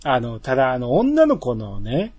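A man's voice: medium pitch, unhurried, slightly rough, dry recording. A man co-hosting a podcast in casual, teasing banter. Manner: relaxed, teasing banter with frequent laughs. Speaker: podcast co-host. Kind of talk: casual chat.

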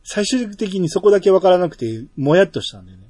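Brief: Kansai man, casual co-host, husky mellow tone, lively pitch. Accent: Kansai Japanese. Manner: chatty, laughs often, drawn-out fillers. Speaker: podcast co-host. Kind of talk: casual chat.

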